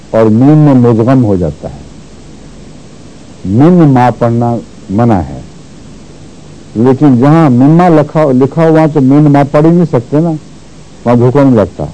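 A man teaching Quran recitation rules, explaining patiently and repeating words slowly to show how they are pronounced. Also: mid-range voice, mellow, poor audio. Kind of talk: religious lesson on Quran recitation.

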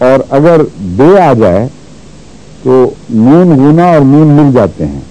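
A man teaching Quran recitation rules, explaining patiently and repeating words slowly to show how they are pronounced. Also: mid-range voice, big pitch swings, warm tone, highs cut off. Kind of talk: religious lesson on Quran recitation.

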